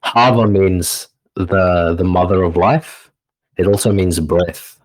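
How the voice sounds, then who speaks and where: This is a New man who teaches meditation, talking in a deep, slow, measured voice. He answers unscripted questions reflectively, stopping often to gather his thoughts before he goes on. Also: rough recording. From New Zealand.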